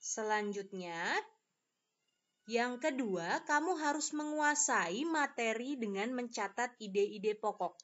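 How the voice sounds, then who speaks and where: A woman's voice: on the high side, animated, takes it slowly. A woman teacher, patiently explaining a lesson to children step by step. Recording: slightly dull lo-fi audio.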